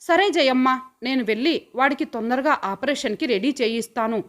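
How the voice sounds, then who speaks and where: A woman reading the part of a kind, wealthy, childless woman in an audio story, speaking softly and reassuringly. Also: high-pitched, moderate pace, pitched above the performer's own voice, natural voice. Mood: gentle reassurance.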